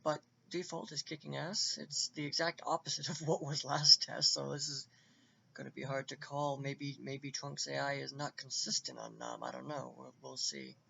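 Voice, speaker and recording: A man giving casual, excitable and rambling commentary on a computer game fight, on a dull lo-fi recording with faint hiss. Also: medium pitch, normal speed, vocal fry. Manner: excitable and rambling, with many restarts.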